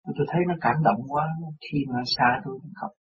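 A man's voice: mid-range voice, fast talker. A man with a Southern Vietnamese accent recounting his past in casual talk, rambling and repeating words, acting out the voices of people he quotes. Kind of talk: casual spoken recollection. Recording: distant, muffled mic with faint room noise.

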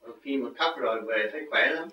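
A man answering questions as a meditation teacher, speaking in gentle short phrases and laughing often. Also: mid-range voice, fast talker, highs cut off. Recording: roomy, distant mic with ambience.

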